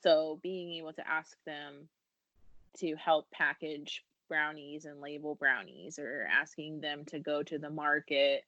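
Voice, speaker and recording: A woman's voice: low-pitched, a little slow, fairly bright tone, no echo, highs cut off. A woman from the United States in her thirties, a business founder talking casually and earnestly in a podcast interview, laughing now and then. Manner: earnest, self-deprecating, laughs while talking.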